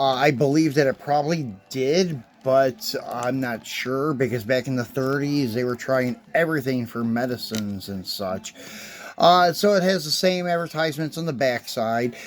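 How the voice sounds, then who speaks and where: A man's voice: on the high side, darkish tone, a little hiss or hum. Chatty man reviewing die-cast trucks. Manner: chatty, loose with fillers and asides. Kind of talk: casual unboxing review.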